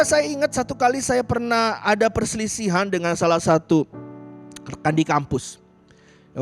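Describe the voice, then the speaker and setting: A male pastor preaching a sermon, telling personal stories and constantly addressing his listeners directly. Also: sits high. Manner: lively storytelling, addresses listeners as "saudara" constantly. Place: church worship service streamed online.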